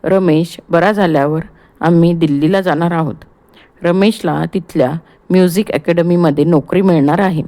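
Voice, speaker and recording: A woman's voice: lowish voice, steady tone, normal speed, dark tone, lightly acted. A woman voicing a bitter, distraught young wife in an audiobook play reading, speaking curtly. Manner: curt and bitter.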